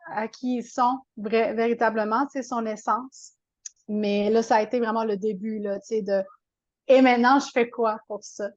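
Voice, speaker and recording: Speaking with a fairly high pitch through a muffled recording, this Québécois coach is a chatty interview guest. Her French-accented speech is casual and full of fillers and restarts.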